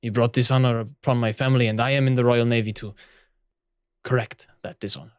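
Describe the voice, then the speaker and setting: A man's voice: mid-range voice, little pitch movement, quick pace, a little mellow, clear, resonant tone, no echo, clean studio sound, close to an everyday voice. A man voicing a proud, honor-obsessed woman naval officer in a put-on Spanish accent, earnestly lecturing. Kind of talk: improvised tabletop role-play.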